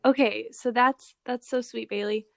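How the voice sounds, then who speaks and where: A woman's voice: a little high, steady tone, moderate pace, vocal fry, fairly bright tone, no room sound. A woman co-hosting a podcast interview, reacting upbeat with short remarks and asking questions. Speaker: podcast co-host. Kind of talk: casual interview.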